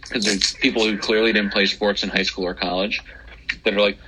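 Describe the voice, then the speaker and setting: A young man co-hosting a casual podcast, blunt and dismissive, with a husky voice. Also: lowish voice, level tone, fairly quick, pushed and bright, rough recording. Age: young adult. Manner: blunt, dismissive, storytelling asides. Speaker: podcast co-host. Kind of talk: casual chat.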